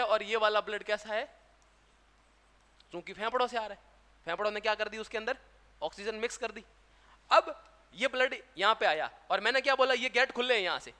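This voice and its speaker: In a classroom lecture, a man speaking with a Rajasthani Hindi accent repeatedly asks questions and supplies the answers himself. His voice sits high and sounds pushed and bright. The recording carries a long hall reverb.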